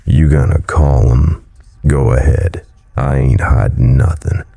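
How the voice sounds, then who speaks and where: A man voicing a gruff, drawling Cajun bar owner. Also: a bass voice, steady tone, takes it slowly, warm tone, exaggerated voice. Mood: surly drawl. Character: gruff middle-aged male bar owner, burly, hostile.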